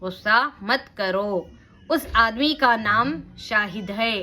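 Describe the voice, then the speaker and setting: Slow bright-voiced woman teaching Urdu reading. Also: on the high side, animated, a little hiss or hum. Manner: slow syllable-by-syllable spelling, explaining patiently. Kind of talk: spelling-out reading lesson.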